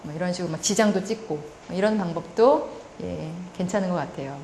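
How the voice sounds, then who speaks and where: A woman's voice: lowish voice, brisk, a little hiss or hum. A woman lecturing on counseling in a chatty online class, often acting out the voices of parents and teens. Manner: lively, acts out quoted voices.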